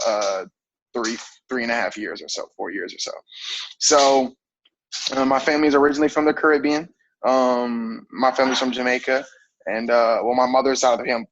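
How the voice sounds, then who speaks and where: A man's voice: mid-range voice, dry recording, dull audio. A man in his thirties, a fitness coach, talking casually in an interview with lots of fillers and easy laughs. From grew up on military bases overseas. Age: 30s. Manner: relaxed, rambling, frequent fillers and laughs.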